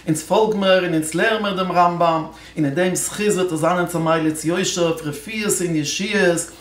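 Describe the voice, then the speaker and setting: Story-telling rabbi in an echoey hall. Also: male voice, steady tone, a little slow, a little hiss or hum. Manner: story-telling, moves between loud stresses and hushed low passages. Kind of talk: storytelling speech at a religious celebration.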